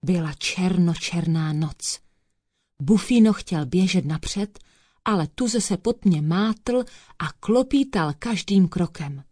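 A woman's voice: fairly low pitch, lively intonation, warm tone, dry recording. Woman storyteller, children's fairy tale reading, dry close sound. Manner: addresses listeners as children.

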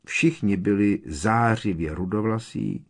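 Male audiobook narrator, lowish voice, even, measured storytelling. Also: vocal fry.

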